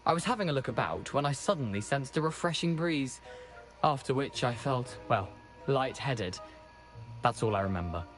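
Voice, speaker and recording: Brief: man playing a wry, genteel ghost gentleman for a game, lively sing-song delivery, faint music under it. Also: mid-range voice, normal speed, natural voice. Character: ghost of a beheaded, mischievous gentleman. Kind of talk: video game voice acting.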